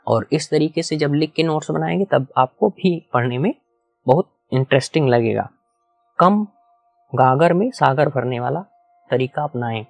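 A man's voice: a little high, moderate pace, vocal fry, no echo, faint music behind. A man teaching a whiteboard lecture, explaining step by step, repeating key points and asking the class questions. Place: small room with a whiteboard.

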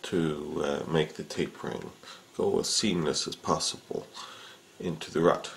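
A man with a very deep voice and vocal fry talks at a measured pace while casually showing how to repair a fishing rod. He stays unhurried at his indoor workbench, dropping frequent filler sounds. There's slight background noise.

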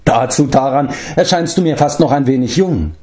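A man voicing a jovial, talkative bard who declaims with lively emphasis in a storybook reading. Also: medium pitch, normal speed, pitched above the performer's own voice, natural voice. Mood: hearty.

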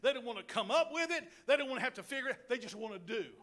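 In a church sanctuary, a middle-aged male pastor preaches a sermon in a voice that sits very high for a man. He talks fast, jokes in an animated way, and often turns to address the people in the pews.

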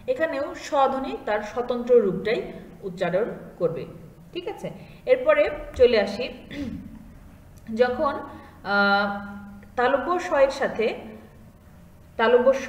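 A woman's voice: fairly high pitch, slight background noise. A woman teacher giving a patient, step-by-step lesson and checking in often with her students. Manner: patient, explains step by step, often asks "okay?". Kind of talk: classroom lecture on pronunciation. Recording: echoey room from far off.

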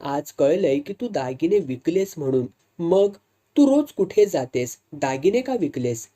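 A woman's voice: sits low, expressive, a little slow, dark tone. A woman voicing an angry, demanding younger brother in a read-aloud story. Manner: harsh, demanding.

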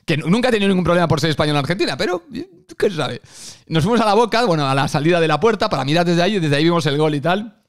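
A man's voice: a little high, very fast. A Spanish man with a Galician accent, a football youtuber chatting and telling stories to his viewers. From Spain. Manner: animated, chatty, addresses viewers directly. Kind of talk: casual fan commentary and storytelling.

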